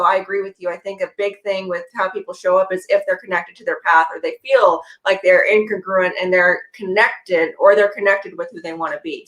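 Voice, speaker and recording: A woman's voice: medium pitch, a bit bright, rough recording. A woman being interviewed on a video call as an author and motivational speaker, speaking in an upbeat, polished way. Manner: upbeat, polished self-help phrasing. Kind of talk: casual interview chat.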